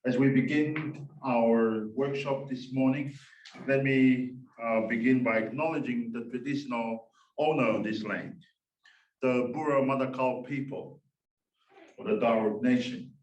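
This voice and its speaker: A man from Tonga, a church minister, giving a formal welcome and introducing a speaker, pausing often with "uh". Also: mid-range voice, roomy sound, distant mic, a little hiss or hum, rough recording. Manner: slow and measured, many "uh" pauses. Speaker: minister and workshop host.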